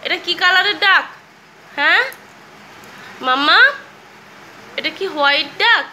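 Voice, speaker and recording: A woman's voice: extremely high pitch, measured pace, bright, forceful tone, slight background noise. A woman talking to her toddler at home in a coaxing, sing-song way, asking the same questions again and again. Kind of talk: home vlog baby talk.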